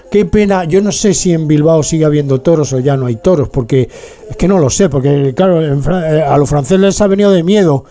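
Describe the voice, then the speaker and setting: Rambling Spanish-speaking male radio host. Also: a little high. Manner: chatty, digressive, animated asides. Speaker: radio host playing music. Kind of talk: rambling casual monologue.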